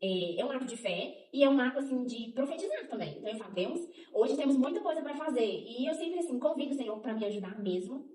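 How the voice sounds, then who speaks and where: Young woman co-host, rapid and slightly high, animated faith chat, recorded from a distance in an echoey room. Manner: animated, laughing often, restarts phrases. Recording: roomy, from some distance.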